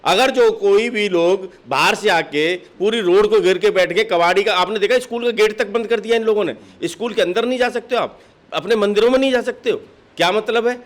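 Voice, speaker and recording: A political party district official, a man with a high voice, speaks a little fast in an interview. His answers are impassioned, insistent and argumentative, and he often fires off rhetorical questions.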